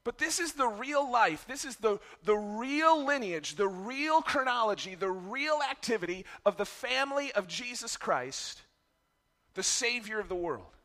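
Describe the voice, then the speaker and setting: Preaching as a pastor, this middle-aged man's voice is raspy from yelling as he talks frankly and self-deprecatingly about trouble in his family. His pitch is extremely high and expressive, his pace measured.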